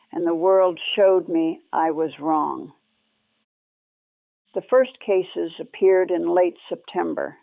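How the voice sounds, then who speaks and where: In a lowish, creaky voice, a woman recalls her time as a war nurse, telling it herself in short clauses with somber restraint. The dry old lo-fi recording has the tinny quality of archival radio.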